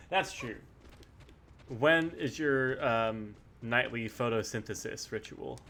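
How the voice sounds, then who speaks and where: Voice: medium pitch, takes it slowly, a bit bright, slight background noise. A gaming streamer giving casual, off-the-cuff commentary while playing.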